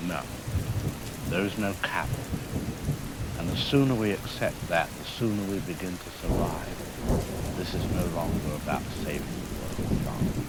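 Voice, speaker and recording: Rain, thunder, and hiss fill the background as a deep-voiced male actor portrays an erudite, grave virologist. Appearing as the expert guest in a scripted radio drama interview, he speaks with somber resolve, formally and slowly, letting weighty pauses underline his cold fatalism.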